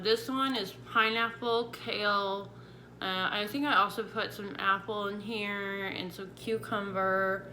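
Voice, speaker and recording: A woman one week into recovering from jaw surgery shares recovery tips in a casual, chatty vlog. Her voice is medium-pitched with a sharp tone, and background noise is clearly audible.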